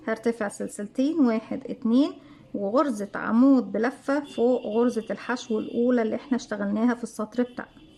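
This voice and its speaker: A woman with an Egyptian Arabic accent leads a crochet lesson, talking quickly in a somewhat high voice. She counts each stitch aloud and poses questions to herself before answering them, in the steady manner of a tutorial. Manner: talks herself through steps, counts stitches aloud, asks and answers her own questions. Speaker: crochet teacher. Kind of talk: step-by-step tutorial narration.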